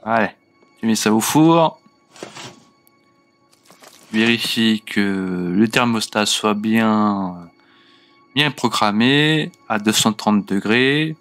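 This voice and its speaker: A man's voice: lowish voice, lively intonation, slow pace, pauses often, fairly bright tone. A young man giving casual gameplay commentary as a let's play host, chatting to his game characters as he plays. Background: faint game music.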